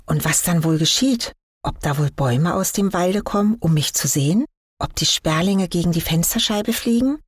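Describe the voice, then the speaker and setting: Brief: woman reading an eager young fir tree for a storybook, low husky voice, dry close sound. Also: animated, normal speed, dry recording. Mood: longing. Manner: wondering, questioning tone.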